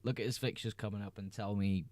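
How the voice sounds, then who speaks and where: Reading out one viewer message after another, a young Englishman answers them in a relaxed way during a casual livestream he hosts. He's a fast talker with a lowish, mellow voice, and the recording is dry and close-miked, lacking any room ambience.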